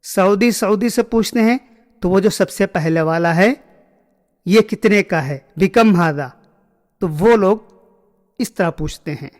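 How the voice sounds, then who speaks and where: A man giving a spoken language lesson, repeating short phrases slowly so learners can follow along. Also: high voice, long reverb tail. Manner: slow, repeated phrases for drilling. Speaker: language teacher.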